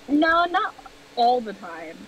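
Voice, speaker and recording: A woman's voice: high voice, sing-song, distant mic, background noise. A woman playing a game with a friend on stream, chatting casually and laughing often. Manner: slow and giggly, laughs often. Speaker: co-player on a stream. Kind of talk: casual gaming chat.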